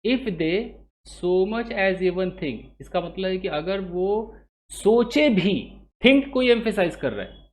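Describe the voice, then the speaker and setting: A male teacher with an Indian accent talks through English newspaper sentences, questioning and answering himself as he goes. He slows right down on each English phrase, then explains it quickly in Hindi. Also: high-pitched, animated. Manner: reads English phrases slowly, word by word.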